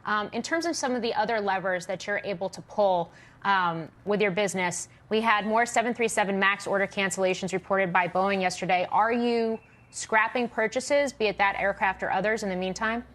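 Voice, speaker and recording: A woman's voice: medium pitch, moderate pace, a bit bright. An American woman working as a business news anchor, asking detailed questions in an interview.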